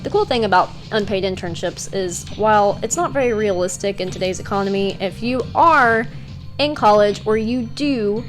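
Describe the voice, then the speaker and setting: Woman with an Eastern Kentucky accent. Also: mid-range voice. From Eastern Kentucky, United States. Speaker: freelance writer giving career tips. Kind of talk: casual advice vlog.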